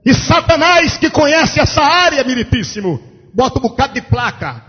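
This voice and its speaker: A male pastor, telling a story in a sermon with fervent preaching that rises to shouts. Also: extremely high pitch, very animated, moderate pace. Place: large church. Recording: echoey church hall, dull lo-fi sound.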